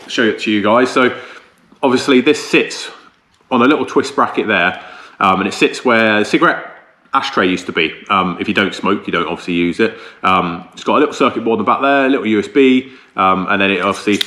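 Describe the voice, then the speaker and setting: A man's voice: on the low side, a bit bright. A man chatting casually to camera, explaining things in an informal, rambling way. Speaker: car restoration vlogger, presenter. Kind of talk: casual vlog talk to camera. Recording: roomy echo, faint background noise.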